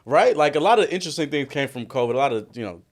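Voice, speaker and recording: A young man who owns a restaurant, talking as a guest in an energetic, enthusiastic way. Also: a little high, racing. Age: young adult. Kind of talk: casual interview chat.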